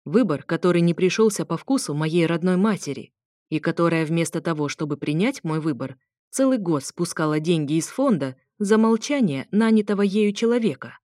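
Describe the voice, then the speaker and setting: A cold, resolute young man in an audiobook, put on by a woman reader. He speaks in clipped lines from a low register. The recording is dry and close. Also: lively intonation, normal speed, a little mellow, no echo, natural voice.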